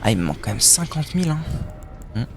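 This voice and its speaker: A man's voice: mid-range voice, very animated, fast talker, creaky, fairly bright tone, soft background music. A man streaming a video game live, chatting casually with his viewers, joking and swearing as he plays. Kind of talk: live gameplay commentary.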